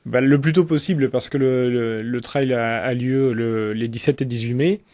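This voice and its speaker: Man, teacher as radio guest, medium pitch, hesitant explaining, repeated words, dry sound. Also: fairly even intonation, normal speed, darkish tone, no room sound. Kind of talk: spontaneous radio interview. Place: close dry radio microphone.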